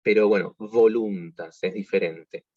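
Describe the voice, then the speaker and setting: An Argentine man teaches a workshop over a video call, explaining patiently with frequent fillers and self-corrections. His voice sits fairly low, and the sound is dry and dull, like a lo-fi computer microphone. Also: a little slow, dry recording. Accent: Argentine Spanish. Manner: explanatory, with many fillers and restarts. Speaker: music teacher. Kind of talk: online workshop lesson.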